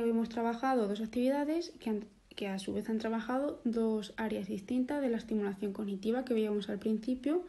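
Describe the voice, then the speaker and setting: A woman's voice: a little high, vocal fry, mellow. A young woman teaching a recorded online lesson, explaining step by step with restarts and fillers.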